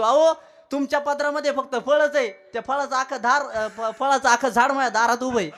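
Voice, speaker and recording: A man with a Marathi accent preaching a devotional kirtan in a village temple, telling stories, repeating key lines with emphasis and breaking into chanted verse. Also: very high voice. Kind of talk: devotional kirtan sermon with storytelling and sung verses. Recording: live temple sermon with instrument accompaniment.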